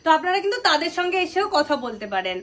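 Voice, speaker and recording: A woman's voice: very animated, very fast, a bit bright. A woman, representing a machine maker and giving an upbeat, persuasive promotional talk during a demonstration. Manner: upbeat, persuasive sales pitch.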